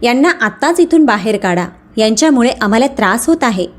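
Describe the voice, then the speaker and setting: A woman's voice: a little high, expressive, a little fast, close to an everyday voice. Woman reading as a scornful daughter-in-law. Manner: scornful, shouting.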